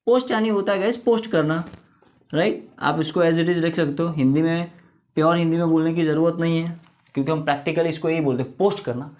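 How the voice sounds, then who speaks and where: A man's voice: fairly high pitch, fairly even intonation, a little fast, darkish tone. A young man with an Indian accent teaching English vocabulary in Hindi, who explains each word with example sentences and keeps asking "right?".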